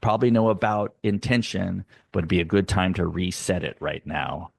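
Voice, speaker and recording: A middle-aged man with a very low, gravelly voice talks earnestly as an interview guest. He explains his ideas patiently, slowing down to stress key points. The sound is dry and close. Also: steady tone, dry recording. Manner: earnest, explanatory, sometimes slow and emphatic. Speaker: guest, youth arts nonprofit leader. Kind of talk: conversational interview. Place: home, dog barking nearby.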